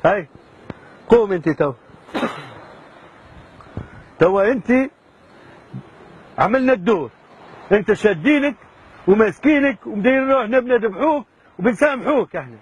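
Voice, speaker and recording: A man's voice: high-pitched, animated, normal speed, pauses often, dull audio, a little hiss or hum. A man hosting a hidden-camera prank, coaxing and bossy with a mock-menacing edge. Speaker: prank show host.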